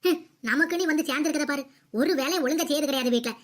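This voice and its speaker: A woman's voice: sits high, quick pace, lightly acted. A woman doing a nagging cartoon mother-in-law. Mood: scolding. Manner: nagging, scolding, sharp-tongued. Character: scolding middle-aged mother-in-law, nagging and bossy. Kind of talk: cartoon comedy voice acting.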